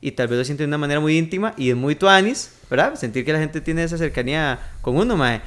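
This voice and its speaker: A man with a Costa Rican accent, a podcast guest talking in a relaxed, reflective way with local slang. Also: on the high side, quick pace. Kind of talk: casual chat.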